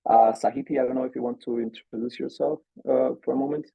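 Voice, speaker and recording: A man's voice: mid-range voice, gravelly, no echo, low-quality recording. A man from the Caribbean hosting an artist information session over a video call, speaking with many restarts and repeated words. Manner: halting, many restarts, animated. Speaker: artist relations director.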